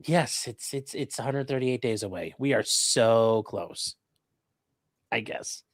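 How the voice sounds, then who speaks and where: Hosting a live stream, a man reads out viewer questions and offers casual legal commentary laced with wry, joking asides. His medium-pitched voice moves slowly, and the recording is studio quality with no room sound.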